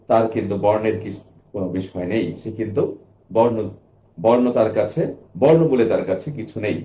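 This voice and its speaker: A man's voice: lowish voice, mellow. Emphatic man teaching in an echoey room. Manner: emphatic, repeats key points, asks and answers his own questions. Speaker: exam prep teacher. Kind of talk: classroom lecture. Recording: echoey room, dull lo-fi sound.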